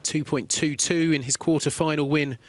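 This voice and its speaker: A man giving calm, explanatory play-by-play commentary on a billiards match. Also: on the high side, normal speed. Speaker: sports commentator.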